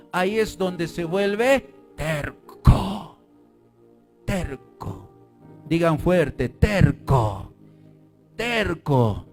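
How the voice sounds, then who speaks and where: A male pastor preaching a fervent sermon, breaking into shouts and calling on the congregation to repeat words after him. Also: high voice.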